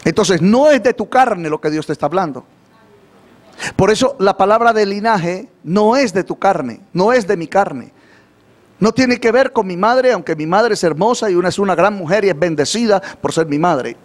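Male preacher with a high voice, livestreamed sermon, leads call-and-response with the congregation. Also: expressive, moderate pace. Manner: asks the congregation for call-and-response, repeats questions. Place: church or studio, livestreamed.

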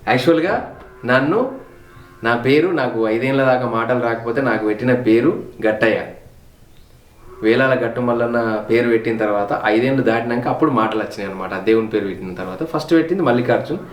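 A man's voice: mid-range voice, a little fast, roomy sound. Heartfelt man with a Telangana accent. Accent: Telangana Telugu. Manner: heartfelt, reflective, repeats words for emphasis. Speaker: vlogger telling his family story. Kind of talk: personal storytelling on a home tour.

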